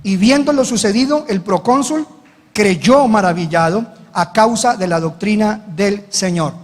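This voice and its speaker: A high-pitched man preaches a sermon as pastor, acting out the voices in his story. His voice rings with a long reverb in a large hall. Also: a little slow. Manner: preaching with dramatic retold dialogue.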